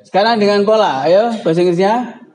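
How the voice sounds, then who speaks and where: A man teaching an English grammar lesson to a class, reading example sentences slowly and prompting students to answer. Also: high voice, a little mellow, low-quality recording. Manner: slow, drawn-out example sentences with prompting calls.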